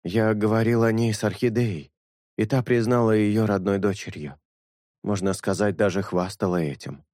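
A man reading an audiobook, voicing an earnest young priest who speaks in a measured, sincere way. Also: fairly low pitch, steady tone, darkish tone, no room sound, studio quality, natural voice. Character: earnest young male priest, calm and honest.

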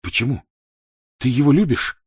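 A man's voice: low-pitched, moderate pace, slightly rough, no room sound, studio quality. A male reader voicing a reckless young diplomat in love, earnest and slightly stammering. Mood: ardent. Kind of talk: audiobook character voice.

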